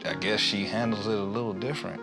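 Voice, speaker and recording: A man's voice: lowish voice, steady tone, fast, creaky, over loud music. A man on a reality show, talking in a laid-back, hesitant way with false starts. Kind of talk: casual confessional interview.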